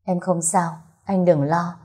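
A woman voicing a gentle young heroine who speaks softly and pleadingly. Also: on the low side, fairly even intonation, slow, breathy edge. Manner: soft and pleading.

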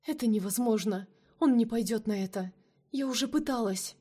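A woman's voice: on the high side, normal speed, close to an everyday voice. A woman voicing a furious jealous vampire lover. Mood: yearning. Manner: shouting, hissing accusations.

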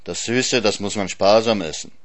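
A man's voice: on the low side, normal speed, dry recording, close to an everyday voice. Man doing a sly trickster hare, coaxing, teasing, storybook reading.

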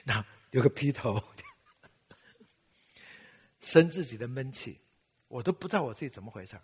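A man's voice: mid-range voice, animated, measured pace, pauses often, fairly bright tone, slightly rough, in a large hall. An older man from Taiwan preaching, telling his own story with self-mocking humor and acting out his past prayers. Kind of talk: sermon with personal testimony.

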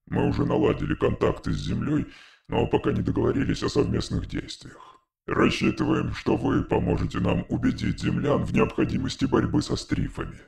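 A man's voice: fairly low pitch, brisk, gravelly, darkish tone. A man voicing an alien who speaks through a metallic translator machine, in an audiobook reading. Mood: calm. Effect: distant metallic machine voice.

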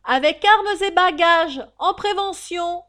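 A woman reading an audiobook, voicing a male convict who calls out prisoners' names in a loud, drawn-out shout. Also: very high voice, voice pushed up, heavily acted. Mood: bellowing.

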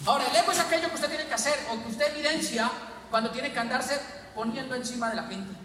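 A man giving an animated motivational seminar talk full of stories and jokes to a live audience. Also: very high-pitched, quick pace. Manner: animated, storytelling, jokes with the crowd. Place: large hall with an audience. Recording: echoey hall, distant mic, crowd and noise.

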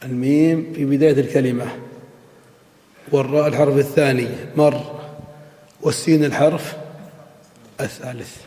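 A man's voice: mid-range voice, steady tone, normal speed, pauses often, dark tone. A man teaching a grammar class as a sheikh, explaining step by step and answering his own questions. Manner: methodical, poses questions and answers them himself. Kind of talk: classroom lecture. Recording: echoey hall with long reverb.

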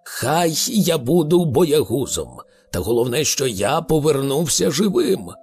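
A man doing a loud, quarrelsome alien traveller. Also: a little high, sing-song, unhurried, breathy edge, soft background music, heavily acted. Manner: shouting, argumentative.

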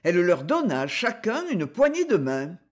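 A woman narrates a story aloud in a measured, expressive voice. Her pitch moves a lot, giving the reading a lively shape. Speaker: audiobook narrator. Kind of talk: audiobook narration.

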